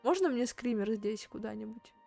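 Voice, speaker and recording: A young woman streaming a game, reading it aloud and commenting in a casual, joking, expressive way. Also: fairly high pitch, normal speed, gravelly, soft background music. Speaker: vtuber streamer. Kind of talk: casual let's play commentary, reading a visual novel aloud. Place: dry close-miked room, game music behind.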